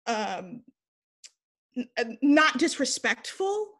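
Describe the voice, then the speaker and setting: A woman's voice: high-pitched, slow pace. Blunt young woman telling a story. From United States. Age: young adult. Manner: blunt and animated, swears freely, acts out quoted dialogue. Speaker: interview guest. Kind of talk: candid conversational storytelling.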